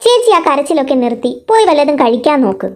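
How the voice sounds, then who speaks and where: Brisk, coaxing young woman voiced by a woman, very high pitch. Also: very animated.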